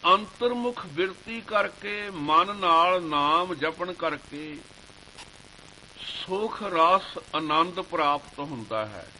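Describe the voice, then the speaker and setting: A man giving a slow devotional sermon, reciting scripture verses in a measured chanting cadence. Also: on the high side, animated, bright, forceful tone, a little hiss or hum, poor audio. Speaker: Sikh preacher.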